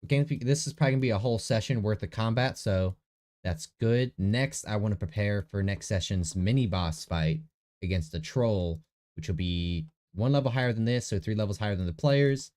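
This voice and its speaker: A young man speaks at normal speed in a fairly low, slightly mellow, nasal voice while getting a tabletop game session ready in his bedroom. It's a casual screen-recorded prep vlog full of rambling, self-correction and thinking aloud to himself, with a faint echo in the room.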